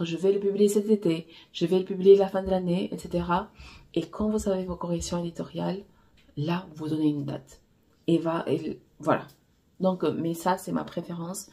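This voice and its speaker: With a low, dark voice, a woman who grew up speaking Portuguese coaches aspiring writers on romance fiction. She's frank and direct but casual, often hesitating as she talks.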